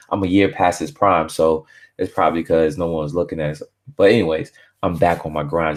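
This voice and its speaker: A man from Barbados rambling casually on a live stream, laid-back and slangy, full of filler phrases and shout-outs. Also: sits low.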